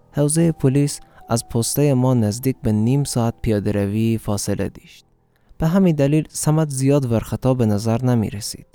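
Dark-voiced man with an Afghan accent reading a story. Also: mid-range voice, no room sound. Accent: Afghan Dari. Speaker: narrator.

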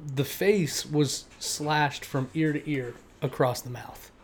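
A man's voice: fairly high pitch, steady tone, slow pace, slight background noise. A man, co-hosting a podcast and telling a true-crime story in loose, casual chat with fillers and swearing. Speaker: podcast co-host.

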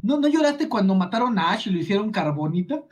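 A Mexican woman chatting casually with friends, animated and slangy, often laughing and acting out quotes. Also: medium pitch, quick pace. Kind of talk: casual chat among friends.

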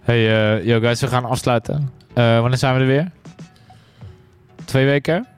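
A man's voice: medium pitch, fairly even intonation, unhurried, clean tone, faint music behind. A man hosting a podcast, chatting about basketball with lots of hesitations and agreeing noises. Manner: hesitant, many fillers, agreeing often. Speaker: podcast host. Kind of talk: casual basketball chat.

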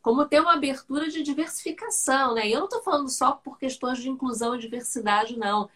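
A woman with a Brazilian Portuguese accent hosting a live-stream interview and sharing thoughtful, measured reflections in casual chat. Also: high voice, a bit bright. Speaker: host.

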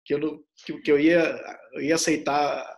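A man's voice: fairly high pitch, little pitch movement, normal speed, gravelly. A man hosting a casual interview, telling a rambling story full of fillers. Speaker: interview host.

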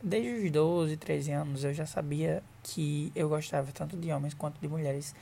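A man's voice: fairly high pitch, moderate pace, gravelly, dark tone, slight background noise. A man, talking matter-of-factly as a podcast guest. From Mossoró, Brazil. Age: 20s.

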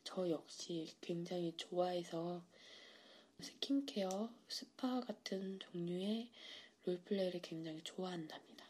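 A woman hosting an ASMR podcast, introducing it in a soft, hushed voice that often slips into a whisper. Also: lowish voice, a little slow. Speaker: ASMR creator and host.

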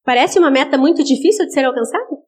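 High-voiced woman preaching earnestly. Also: fast, darkish tone. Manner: earnest, direct address with rhetorical questions; acts out listeners' words in quoted asides. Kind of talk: sermon.

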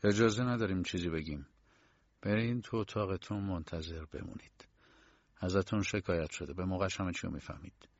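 Man doing a low, curt officious guard. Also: no room sound. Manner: low, hushed, clipped. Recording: dull lo-fi dry recording.

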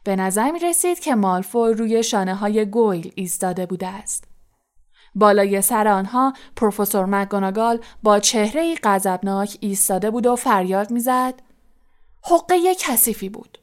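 A woman narrating an audiobook in a soft, breathy delivery. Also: medium pitch.

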